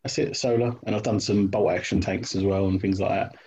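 A man's voice: sits low, steady tone, a little fast, darkish tone, breathy edge. A man in casual chat about his hobby, hesitant, with many ums and restarts, on dull lo-fi call audio. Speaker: hobby wargamer guest.

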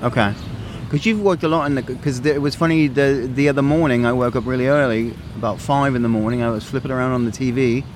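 A man's voice: mid-range voice, fast, slight background noise. A man co-hosting a podcast outdoors in a park, telling rambling jokey stories with many restarts. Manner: rambling storyteller, joking, stammers restarts. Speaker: podcast co-host. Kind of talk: casual chat, joking.

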